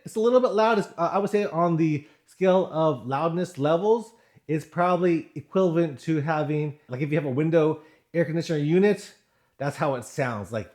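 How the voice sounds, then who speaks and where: A man from the United States talks through a product in a casual vlog style. His voice sits a little high. He is informal and often repeats or rephrases a point as he goes. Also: darkish tone. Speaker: product reviewer.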